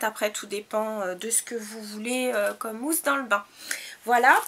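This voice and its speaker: High-voiced woman reviewing beauty buys. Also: a bit bright. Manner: hesitant, many fillers and restarts. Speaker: beauty vlogger. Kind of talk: casual product haul review.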